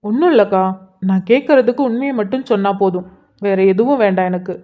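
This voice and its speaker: A woman's voice: medium pitch, fairly quick, narrow, tinny audio, lightly acted. A woman voicing an earnest young man who keeps pressing his elder sister with pleading, insistent questions in a cartoon. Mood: probing. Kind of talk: cartoon voice acting.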